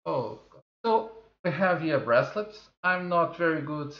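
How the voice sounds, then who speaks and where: This man's voice is on the high side and expressive as he unboxes a product for his tech review channel at a studio desk. In his forties and a native Portuguese speaker, he talks slowly and chattily, thinking aloud with lots of fillers, in an echoey room with slightly dull sound.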